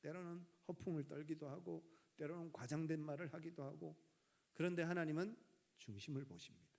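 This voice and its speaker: A man's voice: fairly high pitch, brisk, gravelly, a little mellow. Man preaching with rhetorical questions. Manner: acts out prayers and dialogue in a raised voice. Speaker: pastor. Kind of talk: sermon.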